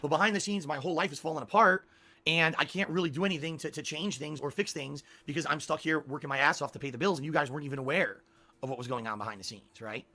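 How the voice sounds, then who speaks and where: Hoarse, bright-voiced male livestreamer. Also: a little high, fast. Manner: profane, emphatic venting. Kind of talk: casual livestream monologue.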